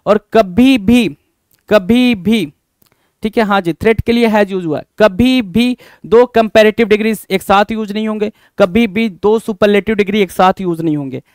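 A man's voice: high-pitched, clear, resonant tone, dry recording, studio quality. A young Indian man teaching English grammar in a live online exam-prep class, addressing students as "bhai", repeating points and asking rhetorical questions. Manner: addresses students as bhai, answers chat comments by name.

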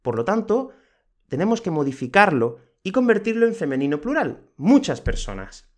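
Recording at home and then on his terrace, a Spanish teacher and podcast host walks learners through grammar. Each example comes slowly and clearly, with lively, heavy stress on the words that matter, in a slightly high voice that ranges widely in pitch.

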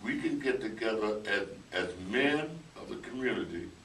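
A man's voice: on the low side, lively intonation, normal speed, fairly bright tone. A male veteran on a radio roundtable, earnestly urging listeners to reach out. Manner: earnest, appealing directly to listeners. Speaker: veteran panelist. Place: small radio studio. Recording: roomy, distant camera audio with faint noise.

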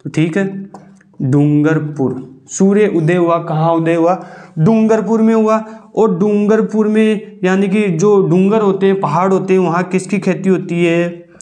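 A man's voice: sits high, fairly even intonation, a little slow, warm tone. A young man teaching a memory trick, asking questions and answering them himself, stretching key words for emphasis.

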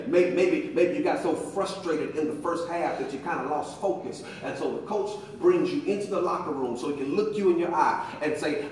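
A man's voice: on the high side, slight background noise. A middle-aged man delivering a halftime pep speech like a preacher, emphatic and rhythmic, repeating phrases and calling for responses. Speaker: motivational speaker. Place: carpeted hotel conference room, indoors. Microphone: phone camera a few meters away. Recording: very echoey room, distant microphone.

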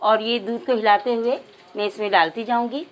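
A woman calmly talking viewers through a home recipe, step by step, as the host of a cooking channel. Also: on the high side, moderate pace, muffled recording. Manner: calm, instructive, addresses viewers directly.

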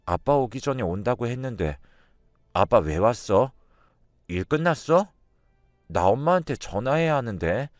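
A man's voice: medium pitch, lively intonation, moderate pace, pauses often, no room sound, studio quality, natural voice. A man voicing a small daughter speaking in a plain, innocent, childish way.

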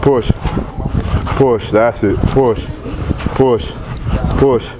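A man's voice: mid-range voice, fairly even intonation, very slow, noisy background. Male gym coach barking short cues. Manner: punchy, repetitive short commands. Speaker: strength coach. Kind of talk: coaching a workout, calling out cues and encouragement. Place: large indoor gym. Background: music.

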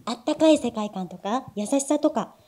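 A woman's voice: fairly high pitch, animated, moderate pace, dark tone. A woman speaking thoughtfully as a voice actor guest on a cinema stage. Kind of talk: stage event remarks. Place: cinema stage before an audience.

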